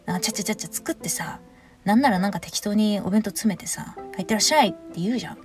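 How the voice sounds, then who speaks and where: Woman podcast host, casual advice monologue, frank and animated, mid-range voice, faint music underneath. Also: fast talker. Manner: lively, frank and animated, acting out quotes with big pitch swings.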